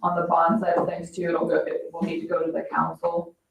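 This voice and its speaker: A financial advisor speaks a little fast in a fairly low, gravelly voice with completely flat delivery, explaining matters in a businesslike way at a public meeting. The setting is an indoor municipal meeting room, and the distant mic gives a dull, echoey sound with faint noise.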